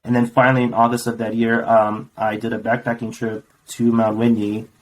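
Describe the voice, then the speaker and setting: Man in his forties from Romania, podcast guest, thoughtful, halting, mid-pitched. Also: completely flat delivery, rough recording. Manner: thoughtful, unhurried, many ums. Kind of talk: casual interview.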